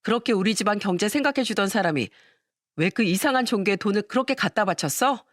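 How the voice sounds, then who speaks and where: A woman's voice: medium pitch, expressive, fast talker, dry recording, clean studio sound, natural voice. Woman doing an earnest young granddaughter. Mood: indignant. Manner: earnest, pleading.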